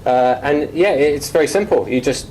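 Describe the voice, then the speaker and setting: A man with a British accent, a guest on a mock chat show, talking in a hesitant, wry way with many pauses. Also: a little high, a little mellow, slight background noise, poor audio. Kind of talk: casual chat. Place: office.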